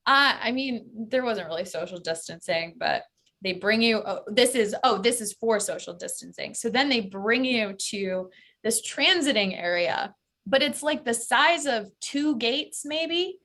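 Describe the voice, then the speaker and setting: A woman's voice: a little high, expressive, measured pace, pushed and bright. An American woman, a travel expert, chatting as a guest in a casual interview, full of fillers like "like" and "um". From United States.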